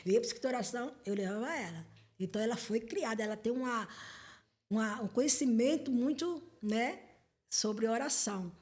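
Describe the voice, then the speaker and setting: A middle-aged woman telling a personal testimony as a podcast guest, animated and acting out the dialogue she recalls. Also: on the high side, brisk. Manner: animated, acts out quoted dialogue. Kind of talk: testimony storytelling.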